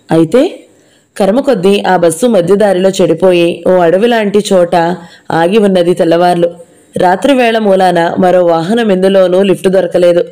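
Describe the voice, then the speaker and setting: A subdued young man confesses, halting and quiet, voiced by a woman narrator. The tone is soft and mellow. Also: mid-range voice, close to an everyday voice.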